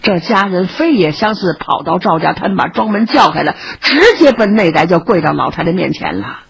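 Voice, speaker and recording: A woman's voice: fairly low pitch, very animated, brisk, vocal fry, breathy edge. A woman performing traditional storytelling, narrating in a dramatic, rhythmic way.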